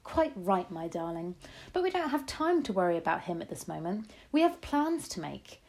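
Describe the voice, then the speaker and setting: A woman's voice: lowish voice, big pitch swings, moderate pace, gravelly, a little mellow, exaggerated voice. A woman voicing an elderly grandmother who is loving, resourceful and emphatic, in a storybook reading. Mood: urgent, caring.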